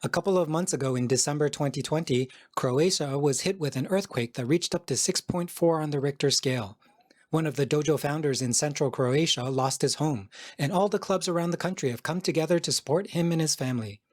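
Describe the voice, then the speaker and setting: A man's voice: fairly high pitch, fairly quick. A male podcast host giving upbeat scripted announcements and asking interview questions.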